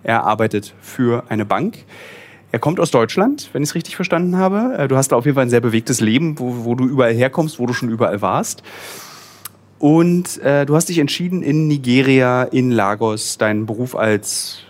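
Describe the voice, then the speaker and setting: A man's voice: medium pitch, normal speed. A man hosting an interview podcast from a small office, chatting casually with wry, self-deprecating asides. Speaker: podcast host and journalist.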